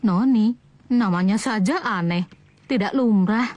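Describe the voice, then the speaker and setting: A woman's voice: medium pitch, unhurried, a little mellow, no room sound, close to an everyday voice. An actress playing a devout middle-aged mother who insists on choosing her son's bride. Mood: insistent. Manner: insistent, scolding. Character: devout traditional mother set on matchmaking. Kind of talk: TV drama acting.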